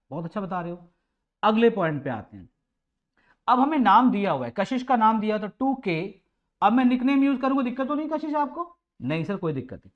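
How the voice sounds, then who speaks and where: A man's voice: high-pitched, dull audio. A male teacher giving a classroom lecture, affectionate with his students, repeating points and quizzing the class. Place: coaching classroom.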